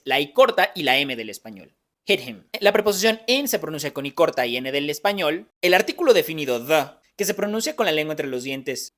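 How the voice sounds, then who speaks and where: A man's voice: a little high, fairly bright tone. A man teaching English pronunciation in a phonetics lesson, patiently explaining each sound step by step.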